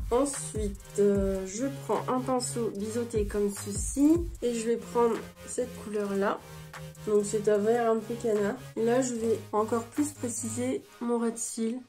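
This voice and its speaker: A woman with a slightly high voice walks through her makeup routine one step at a time, relaxed and chatty. Clear background music plays under her narration. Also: slow pace. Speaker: beauty vlogger. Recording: music playing behind the voice.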